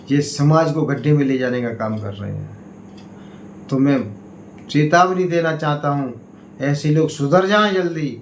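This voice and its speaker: A man giving a political speech to community members, in slow, emphatic oratory that swings between raised appeals and low warnings. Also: slight background noise. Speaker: party state president. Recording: echoey room, faint ambience.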